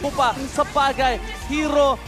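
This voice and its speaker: A man with an Indonesian accent commentating a video game like an excited fighting game announcer, with dramatic drawn-out calls and English catchphrases. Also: very high-pitched. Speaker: esports shoutcaster. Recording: loud music and crowd behind. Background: game music and crowd.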